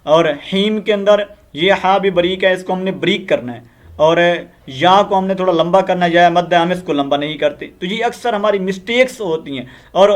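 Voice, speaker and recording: A man with a Pakistani Urdu accent giving a spoken Quran recitation lesson, explaining in an earnest, repetitive teaching manner with frequent fillers. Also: high-pitched.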